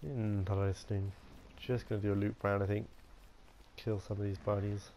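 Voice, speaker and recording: A man's voice: on the low side, flat delivery, normal speed, mellow, slight background noise. A man giving casual let's-play commentary, chatty and playful, talking to himself as he plays. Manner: chatty, playful, talks to himself while playing. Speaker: gaming video host.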